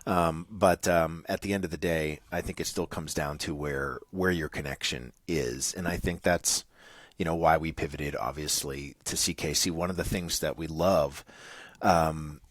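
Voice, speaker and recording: Deep-voiced New England man. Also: normal speed, no echo, studio quality. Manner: thoughtful, rambling, with many ums and tag questions. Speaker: podcast co-host. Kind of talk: casual podcast chat.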